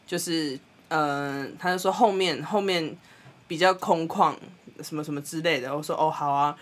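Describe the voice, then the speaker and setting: A young Taiwanese woman with a Taiwanese Mandarin accent, co-hosting a podcast and telling a story in a blunt, animated way, laughing often. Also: deep voice, normal speed. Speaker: podcast co-host. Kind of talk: casual storytelling chat.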